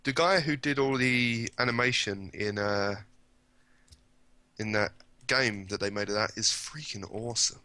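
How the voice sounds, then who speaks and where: Guy with a bright sharp voice, rambling and hesitant on a podcast, dry sound. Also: mid-range voice, a little slow, clear, resonant tone, no room sound. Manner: rambling, hesitant, easily amused. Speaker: podcast co-host. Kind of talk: casual chat.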